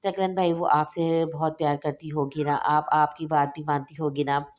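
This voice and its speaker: A woman's voice: deep voice, little pitch movement, normal speed, darkish tone, close to an everyday voice. A woman reading aloud, voicing a distraught young woman who pleads through tears while confessing a guilty secret. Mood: pleading, tearful. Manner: pleading, sobbing speech.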